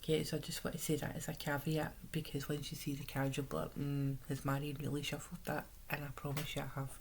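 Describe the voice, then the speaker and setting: Low, sore-throated Scottish woman. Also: level tone, fast, slight background noise. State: sore, swollen-sounding throat, hoarse. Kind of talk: casual chatty tarot reading.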